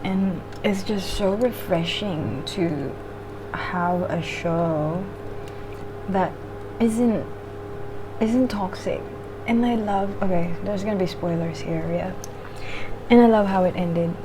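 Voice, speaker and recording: A woman's voice: medium pitch, slow pace. A woman chatting casually and informally between bites of food, meandering from thought to thought as in a mukbang vlog. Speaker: vlogger eating on camera while reviewing a show. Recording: clearly audible background noise.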